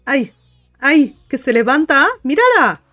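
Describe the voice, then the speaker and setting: A woman's voice: high-pitched, big pitch swings, unhurried, a bit bright. A woman giving casual gameplay commentary, cooing and chatting to the game characters. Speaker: gaming video host. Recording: light music behind.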